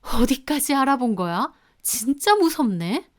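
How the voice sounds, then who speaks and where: A woman's voice: high-pitched, sing-song, a little slow. A woman voicing a brash, combative mistress. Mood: sneering. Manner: snapping, confrontational.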